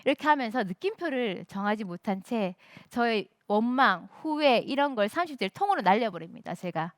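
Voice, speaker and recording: A woman's voice: on the high side, lively intonation, a little fast, dry recording, studio quality. A woman in her forties giving a motivational stage speech, emphatic and speaking directly to the audience. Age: 40s. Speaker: student speaker.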